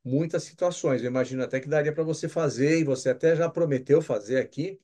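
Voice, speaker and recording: A man's voice: a little high, quick pace, mellow. A Brazilian man interviewing a guest, asking questions in a conversational way with short acknowledgements.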